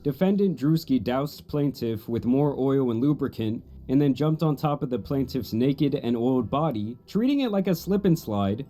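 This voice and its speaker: A man reading a scripted commentary narration in a steady, matter-of-fact storytelling manner. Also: medium pitch, moderate pace, few pauses.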